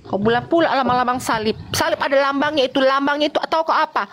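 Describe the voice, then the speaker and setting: A woman's voice: sits high, quick pace, background noise. A woman in a heated live online debate over a video call, combative and scolding, hammering short repeated jabs. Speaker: debate participant.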